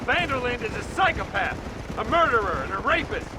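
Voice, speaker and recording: Very high-pitched, scornful Western lawman. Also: big pitch swings, brisk. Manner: scornful, preachy. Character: stern, self-righteous lawman in the Old West. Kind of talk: video game acting. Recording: loud horse and outdoor noise. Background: hoofbeats, loud ambience.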